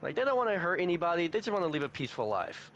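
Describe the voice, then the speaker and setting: A man's voice: sits high, very animated, racing, fairly bright tone, dull audio, slight background noise. A young man hosting a podcast, casually recapping an anime plot and laughing often as he tells it. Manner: giggly, laughs often while retelling scenes. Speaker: podcast host.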